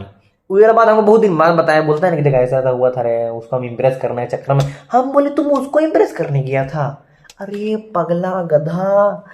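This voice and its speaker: A young man telling a school story in a chatty, animated way, full of asides to his listener. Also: fairly high pitch. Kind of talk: casual storytime vlog.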